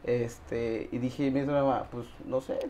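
A young man from Honduras talks easily as an interview guest, speaking of his barber work in a loose, friendly way. His voice sits at an ordinary middle pitch. He is recorded on a lapel mic in a curtained studio, with a faint hum behind him. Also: a little slow. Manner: relaxed, says "brother" and "¿sabes?" often. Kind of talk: casual interview chat.

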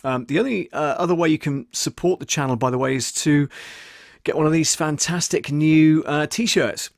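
A slightly high, creaky voice at normal speed, recorded without echo. This is an audio producer and live-stream host in his fifties, casually walking viewers through a tutorial in a small soundproofed studio in a converted shed, with a desk condenser mic placed close.

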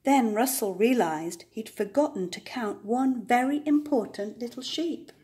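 With a fairly high-pitched voice, an older woman gives a storybook reading for young kids, taking it deliberately and putting dramatic emphasis into her expressive telling.

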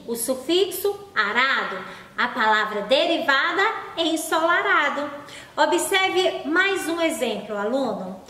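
A woman from Brazil teaching a recorded lesson to schoolchildren in a slow, drawn-out, encouraging way. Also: high-pitched, a bit bright. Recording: echoey room, voice from a distance.

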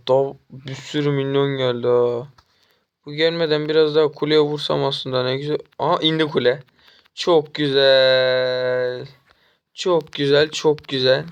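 A young man from Turkey commentating his own mobile game as he plays, taunting and trash-talking the enemy and getting excitable during chases. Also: medium pitch, dull audio. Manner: excitable, jumps up when chasing. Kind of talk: live gameplay commentary.

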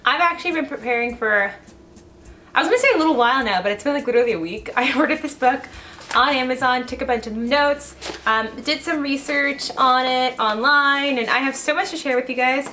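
A young woman, a vlogger and YouTuber talking fast and chattily to her viewers. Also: high voice, pushed and bright, slight background noise. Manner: fast, chatty, laughing asides. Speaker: YouTuber and blogger. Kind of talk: casual vlog commentary.

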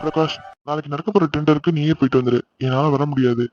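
A man playing a fast-talking teasing young husband. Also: a little high, fairly even intonation, a little mellow, lo-fi sound, soft background music, close to an everyday voice. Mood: businesslike. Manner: brisk, bantering, scolding in jest. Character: teasing young married man running an office. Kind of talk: cartoon voice acting.

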